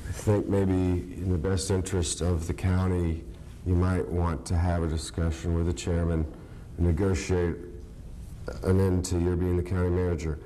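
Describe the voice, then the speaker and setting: A man speaking as an official in a government meeting, halting and hesitant, with a quiver in his voice. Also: low voice, little pitch movement, dark tone, slight background noise, rough recording. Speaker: county official. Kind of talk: unscripted formal remarks at a government meeting. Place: indoor government meeting room.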